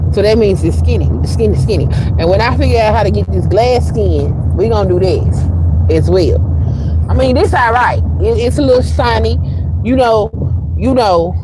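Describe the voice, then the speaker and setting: Sassy Southern woman, middle-aged, casual livestream host, noisy room with passing cars. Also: fairly high pitch. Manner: chatty, sassy, talks straight to viewers.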